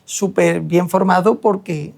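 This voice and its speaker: A young man from Seville, Spain, guesting in an interview as a hair transplant surgeon, has a high-pitched, steady voice with vocal fry and a slightly mellow quality. He talks at a measured pace, reflectively, hesitating frequently.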